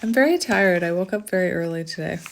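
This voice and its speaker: A woman's voice: fairly low pitch, lively intonation, fast, a little hiss or hum. Chatty woman lisping slightly from a retainer. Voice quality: slight lisp from wearing a retainer. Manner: giggly, effusive, chatty asides. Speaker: tarot reader hosting a card reading. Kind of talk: casual chatty card reading.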